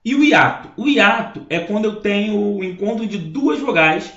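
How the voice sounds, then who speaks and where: A man's voice: high voice, expressive, normal speed, pushed and bright. A man teaching a grammar lesson, explaining step by step and checking in with his listeners. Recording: echoey room, dull lo-fi sound.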